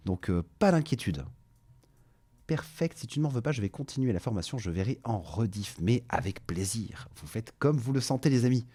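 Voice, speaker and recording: Husky French host, lively pitch. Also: male voice, normal speed. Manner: chatty, hesitant with many fillers. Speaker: livestream host. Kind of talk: casual live-stream chat.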